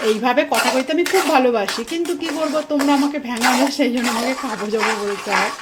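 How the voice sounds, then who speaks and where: A woman's voice: fairly high pitch, fast talker, heavy background noise. A woman with an East Bengali Bangal accent chatting homely to viewers while cooking in her home kitchen. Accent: Bangal East Bengali dialect. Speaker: cooking vlogger. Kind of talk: casual cooking demonstration. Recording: loud kitchen clatter of pots and stirring.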